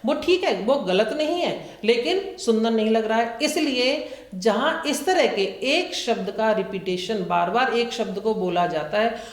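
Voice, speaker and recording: Speaking a little high in an echoey room, a woman schoolteacher patiently explains grammar to young children. She goes over points more than once and asks the class questions.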